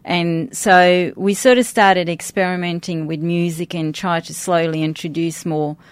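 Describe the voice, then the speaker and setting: A middle-aged woman who grew up outside Australia and speaks English as a second language chats informally as an interview guest, thinking aloud as she goes; she is a church worship team member. Her lowish, smooth voice has fairly even intonation at a measured pace, recorded at studio quality with no room sound.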